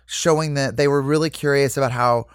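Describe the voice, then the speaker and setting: Interviewed as a comedic actor, a man chats loosely and rambles, peppering his talk with "you know," "like" and lively asides. His medium-pitched voice is smooth and fairly quick, in clean studio sound with no room noise.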